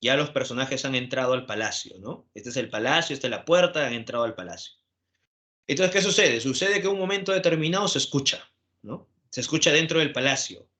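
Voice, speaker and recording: A male teacher giving an animated classroom lecture, constantly adding tag questions to check his listeners follow. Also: mid-range voice, fairly quick.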